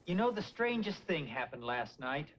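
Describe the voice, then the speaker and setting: An actor playing a baffled, gullible middle-aged sitcom dad with an American accent, talking in a puzzled, folksy way. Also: male voice, a little high, big pitch swings, normal speed, lo-fi sound. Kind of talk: sitcom acting. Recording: noisy 1980s TV with loud studio audience.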